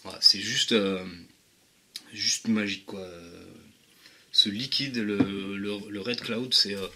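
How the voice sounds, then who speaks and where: A man reviewing products in a casual, slangy way, stopping and restarting often. His voice sits fairly low but sounds bright and forceful. Faint noise sits behind him. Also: steady tone, takes it slowly. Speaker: vape juice reviewer.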